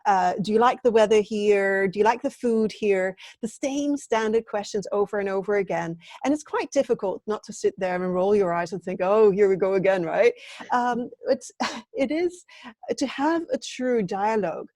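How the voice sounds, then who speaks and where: Her tone darkish and her pitch medium, a middle-aged Danish training consultant responds at a moderate pace as an interview guest on a video call. She answers earnestly and thoughtfully with some fillers, and the audio has no echo.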